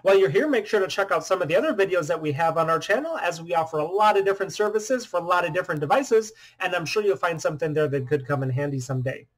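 A man in his thirties, a phone shop owner, explaining a phone demo in a steady, matter-of-fact way from a small room indoors. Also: high voice, fast talker, few pauses. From US Midwest. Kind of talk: product demo vlog.

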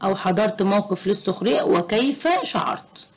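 Patient Egyptian woman tutoring children. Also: mid-range voice. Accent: Egyptian Arabic. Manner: slow, patient, encouraging teacher tone. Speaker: private tutor. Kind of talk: teaching a children's Arabic lesson.

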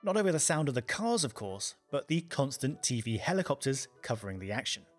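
A man reading a scripted documentary voice-over in a brisk, wry, emphatic way, with faint music behind. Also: mid-range voice, big pitch swings. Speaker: narrator.

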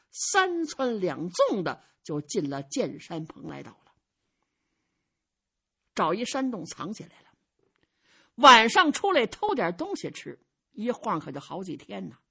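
A woman performing traditional Chinese storytelling, animated, with vivid sound words. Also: fairly high pitch, husky.

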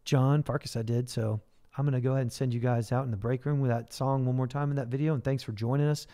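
A man's voice: mid-range voice, steady tone, quick pace, mellow. A man hosting a ministry livestream, talking casually and leading an earnest spoken prayer, with fillers and restarts. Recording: livestream broadcast.

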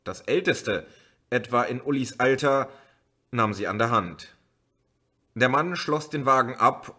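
A man reading a novel aloud as an audiobook in a slow, measured way. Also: on the low side, pushed and bright. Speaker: audiobook reader. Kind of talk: audiobook narration.

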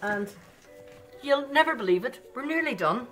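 Talking directly to kids with coaxing questions, an older woman hosts a chatty baking demonstration in her home kitchen. She has a high-pitched voice with lively intonation and a moderate pace, and faint music sits behind her.

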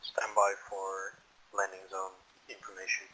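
A man's voice: deep voice, monotone, measured pace. A man as headquarters radio operator, giving clipped, formal callouts over a walkie-talkie radio during a military game. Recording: radio transmission with loud static noise.

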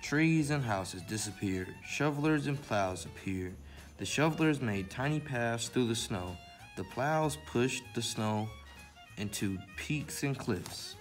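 Hosting a library story time, a man presents to children in a read-aloud, simple how-to style. His mid-range voice is animated and slow, with soft music in the background.

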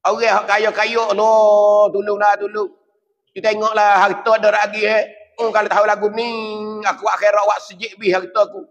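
A man's voice: high voice, monotone, brisk, a bit bright, pitched above the performer's own voice. A preacher voicing a dead man begging from the grave. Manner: begging, wailing repeated pleas. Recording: dull lo-fi with long reverb.

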